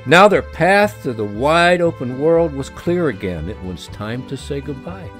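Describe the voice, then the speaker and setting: Man reading a kids story, voice jumps all over the place, soft music behind. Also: mid-range voice, measured pace. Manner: expressive, gently explaining.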